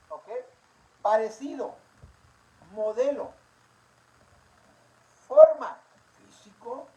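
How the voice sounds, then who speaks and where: A slow-speaking Bible teacher lays out a religious lesson with emphatic repetition and rhetorical questions. A steady hiss of background noise runs clearly under the voice throughout. The delivery stays unhurried and insistent. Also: mid-range voice, rough recording. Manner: emphatic, repeats words and asks rhetorical questions.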